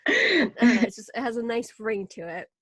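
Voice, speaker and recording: Female podcast host, relaxed and talkative, brighter pitch, dry close sound. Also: quick pace, slightly rough, dry recording. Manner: chatty, laughs often. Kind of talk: relaxed interview chat.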